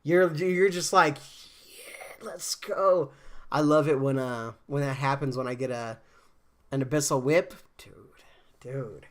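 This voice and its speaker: This is casual live-stream chat from a man playing games, his medium-pitched voice moving at a measured pace. A cold has left him slightly congested, and his talk rambles with fillers and restarts.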